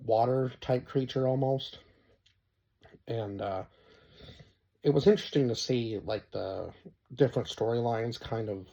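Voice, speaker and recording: A man's voice: lowish voice, gravelly, darkish tone, slightly rough, highs cut off. A young man giving a casual spoken review of a show, rambling and often stopping to search for names, with lots of fillers.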